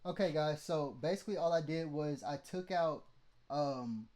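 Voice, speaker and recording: A man hosting a mixing tutorial casually teaches how to mix vocals, his mid-range voice also described as on the high side, with a darkish tone and moderate pace. He swears, speaks bluntly and loosely, and checks in by saying "okay?".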